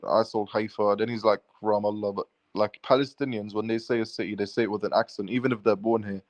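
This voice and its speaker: A man talks quickly, in a lowish voice with fairly even intonation, as he tells vlog viewers about a run-in. It's casual, rambling storytelling full of swearing and restless run-on sentences, recorded with no room sound.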